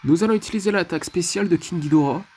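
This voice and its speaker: Chatty French-speaking gamer guy, mellow voice. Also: sits high, very fast, husky, soft background music. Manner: chatty, leans on filler phrases. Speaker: mobile game channel host. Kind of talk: casual gameplay commentary.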